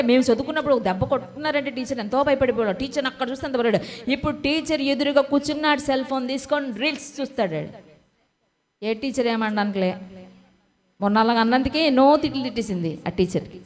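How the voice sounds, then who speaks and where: A woman's voice: high-pitched, quick pace. A woman preaching a sermon with emphatic rhetorical questions and repetition, speaking straight to her listeners. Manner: talks straight to listeners by name.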